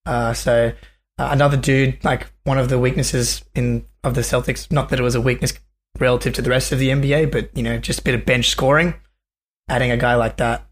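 A man's voice: mid-range voice, flat delivery, a little fast. A man, the new co-host on a sports podcast, talking in a rambling way with lots of ums. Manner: rambling, apologetic, frequent ums. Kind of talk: casual sports podcast chat.

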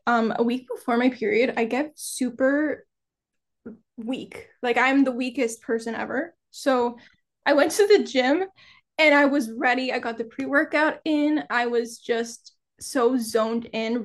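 A young woman guesting on a podcast, her voice quite high. She tells animated stories in easy casual chat and laughs between them.

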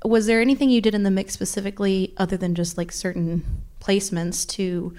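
A woman's voice: mid-range voice, fairly even intonation, fairly quick, dark tone. A woman in the audience asking a long, rambling question, searching for her words.

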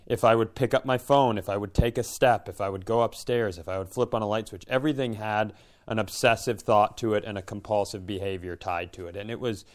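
Speaking briskly in a lowish, steady voice, this male comedian and podcast host tells a self-deprecating, comedic story from his own life. He drifts into imagined dialogue along the way, keeping things casual.

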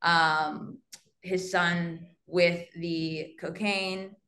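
A woman co-hosting a casual podcast asks long, meandering questions. Her voice sits low for a woman, and she fills her talk with "like" as she goes. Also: flat delivery, drawn-out words, a bit bright. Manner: chatty, rambling questions with many "like"s. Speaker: podcast co-host. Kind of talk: casual interview chat.

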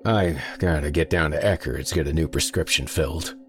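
A man voicing a gruff, weary ex-Marine postal worker in a spoken story. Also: very deep voice, normal speed, faint music behind. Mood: grumbling.

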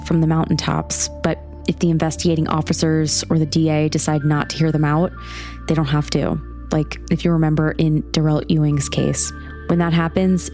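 Low-voiced woman doing true crime podcast narration, mellow tone, soft music under it.

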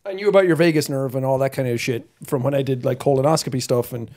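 A man's voice: medium pitch, quick pace, a little mellow. A young man co-hosting a podcast, chatting casually and laughing as he rambles through a story. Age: young adult. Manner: rambling, laughs while explaining. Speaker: podcast co-host. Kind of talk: casual chat.

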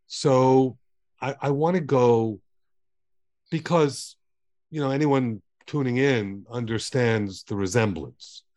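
A man's voice: medium pitch, slow pace, a little mellow, no echo, clean studio sound. A man hosting a podcast interview, eagerly framing questions and summing up the guest's book. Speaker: podcast host.

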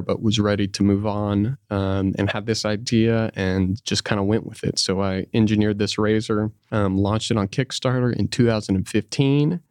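A man speaks as a podcast guest in a low voice, recorded dry. He talks casually, with halting self-corrections along the way. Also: a little mellow, dry recording. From Texas, United States. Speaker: podcast guest, small business founder. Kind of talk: casual interview talk.

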